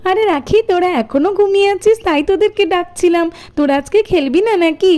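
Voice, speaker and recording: A woman voicing a bossy, playful older girl in a doll cartoon, calling loudly to wake her friends. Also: extremely high pitch, quick pace. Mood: explaining. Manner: loud, scolding calls.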